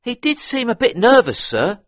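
A man's voice: extremely high pitch, sing-song, normal speed, a bit bright, no echo, pitched above the performer's own voice, exaggerated voice. A man voicing a polite, deferential male butler in a read-aloud detective story, answering briefly and respectfully.

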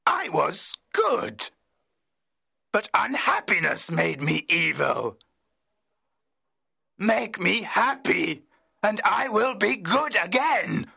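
Lonely audiobook monster, very gravelly, slow, bitter, pleading, menacing. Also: male voice, high-pitched, very animated, bright, forceful tone, dry recording, clean studio sound, full character voice. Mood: pleading, sorrowful. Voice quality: gravelly, rasping. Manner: slow, heavy, emotional pleading. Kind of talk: dramatised literary audiobook.

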